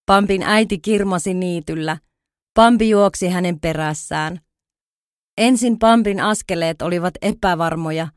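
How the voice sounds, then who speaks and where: A woman's voice: on the low side, no echo, clean studio sound. Woman reading an easy-read children's story. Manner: slow, clear, even. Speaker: audiobook reader.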